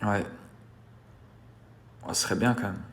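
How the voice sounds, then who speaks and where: A man's voice: fairly low pitch, unhurried, fairly bright tone. A man talking casually to his followers, boastful and repetitive, challenging his critics to a fight. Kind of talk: casual vlog talk.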